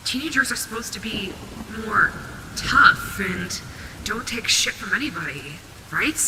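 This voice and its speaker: Against clearly audible rain, a woman voices a female robot wolf in an audio roleplay. She is sassy and a little vain, with a protective, motherly streak. Her pitch sits in an ordinary female range and she talks casually, as if straight to the listener. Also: very animated, measured pace. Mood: quiet, concerned musing. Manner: sassy, casual, swearing, muttering asides to herself. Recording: heavy rain and thunder noise behind. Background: rainstorm sound effects.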